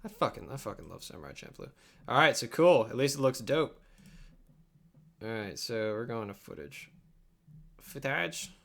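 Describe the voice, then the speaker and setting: While editing an abridged anime dub on a livestream from his home computer, this young adult man thinks aloud, mumbling and distracted. He has a mid-range, creaky, fairly bright voice with big pitch swings, a moderate pace and many pauses. Soft keyboard clicks and room noise can be heard.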